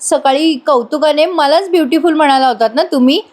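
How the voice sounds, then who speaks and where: A pouting young wife who sounds close to tears and keeps complaining, as a woman narrator puts her on. She speaks in a high, girlish register. It is a dramatized retelling of a TV serial scene. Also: a little fast, darkish tone, natural voice. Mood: sulky.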